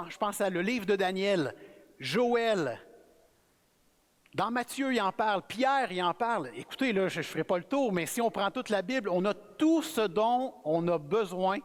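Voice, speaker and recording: A man with a Québécois French accent, preaching as a guest speaker in a relaxed, friendly, conversational sermon. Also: high-pitched. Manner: relaxed, friendly, self-effacing. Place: church sanctuary. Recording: reverberant church hall.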